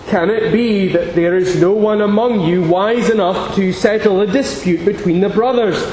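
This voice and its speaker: A man preaching as pastor, reading scripture in a measured, deliberate way into a pulpit microphone. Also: high voice, darkish tone. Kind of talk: sermon with scripture reading and prayer. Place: large church sanctuary. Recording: echoey church hall with long reverb, faint hiss.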